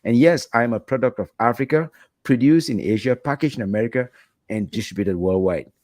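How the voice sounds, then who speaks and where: A middle-aged man hosting an interview over a video call from a hotel room, asking questions in an animated, playful way with rising emphasis. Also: mid-range voice, a little fast, no echo. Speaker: host. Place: hotel room while traveling. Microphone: headset with video call, red foam mic.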